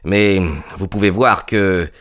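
A man's voice: lowish voice, steady tone, slow pace, a bit bright, clear, resonant tone. A man voicing a cautious, bewildered middle-aged police inspector in a read-aloud story. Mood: hesitant. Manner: cautious, hesitant.

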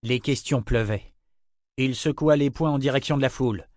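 A man narrates an audiobook in a steady, measured voice of middle pitch. The recording is dry and close, with no room sound around him. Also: no room sound. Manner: even, measured reading. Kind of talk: scripted narration.

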